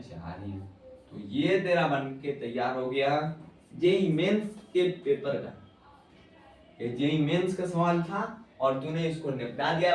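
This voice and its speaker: Chatty teacher in an echoey room. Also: male voice, fairly high pitch. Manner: chatty, teasing, addresses student as bhai. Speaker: chemistry teacher. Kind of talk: informal whiteboard lecture. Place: classroom with whiteboard. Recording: very echoey room, mic far off, faint noise.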